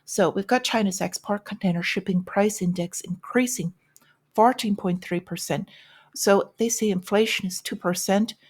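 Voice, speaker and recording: A woman's voice: medium pitch, normal speed, a little mellow, breathy edge. A woman hosting a market and news commentary show, opinionated, with sarcastic asides and frequent fillers. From United States.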